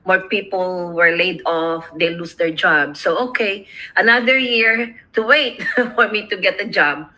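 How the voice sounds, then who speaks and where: A woman's voice: medium pitch, unhurried, sharp tone, poor audio. A middle-aged woman from the Philippines, hosting a casual chat over a video call, rambling and laughing often. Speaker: host.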